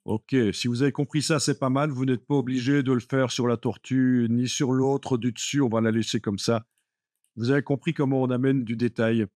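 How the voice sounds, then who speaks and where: A man's voice: mid-range voice, little pitch movement, normal speed, a little mellow, dry recording. Patient French-speaking man teaching Photoshop. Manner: patient, repeats steps, many "euh" and "voilà". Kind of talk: live classroom software lesson.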